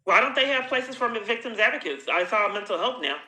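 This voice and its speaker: Her voice sits a little high and comes out expressive, brisk, pushed and bright. Taping the call herself in a room with echo, she keeps insisting and accusing, her confrontation stretching into long monologues that repeat themselves.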